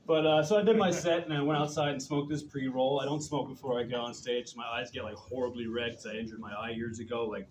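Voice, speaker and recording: A young man doing stand-up on a club stage, telling a rambling, profane anecdote with chuckles. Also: medium pitch. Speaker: stand-up comedian. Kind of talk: stand-up storytelling. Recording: roomy club with loud background noise.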